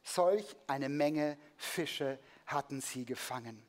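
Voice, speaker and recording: In a church, a preacher delivers a lively sermon, telling a Bible story, joking with the congregation, and acting out the scene with a prop. The voice is medium-pitched, and the delivery takes it slowly.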